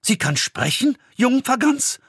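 A man voicing a small, kindly dwarf cook who talks in a lively, gentle way. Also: a little high, moderate pace, breathy edge, dry recording, clean studio sound, voice pushed up, exaggerated voice. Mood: amazed.

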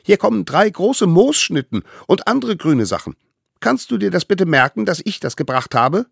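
A man voicing a tiny, eager boy caveman hunter with a high, pleading, fussy voice. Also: sing-song, moderate pace, gravelly, slightly rough, no room sound, studio quality, heavily acted.

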